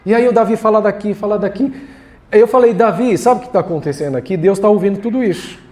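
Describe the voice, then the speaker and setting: A man's voice: high-pitched, fast talker, darkish tone. A man preaching a sermon as pastor, casual and joking, talking straight to the congregation. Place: church hall.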